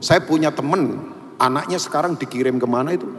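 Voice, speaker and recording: A male pastor preaching a lively sermon, telling stories and addressing the congregation directly. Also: a little high, fairly quick, in a large hall. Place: church hall.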